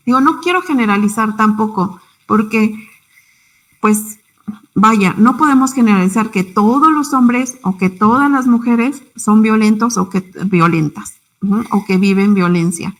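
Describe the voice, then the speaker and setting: A woman's voice: a little high, low-quality recording. A young woman with a Mexican Spanish accent giving a symposium talk, conversational and full of tag questions. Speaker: psychology speaker.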